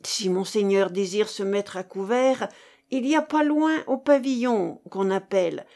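A man's voice: sits high, unhurried, a little mellow. A woman reading aloud, voicing a male hunting guard who speaks respectfully and plainly to a prince. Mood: deferential.

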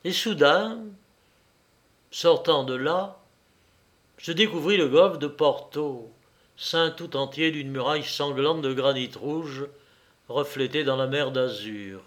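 A man reads a classic tale aloud at an unhurried, deliberate pace. His voice sits slightly high and stays measured throughout. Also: fairly bright tone. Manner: slow, measured storytelling. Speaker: narrator. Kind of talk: literary story reading.

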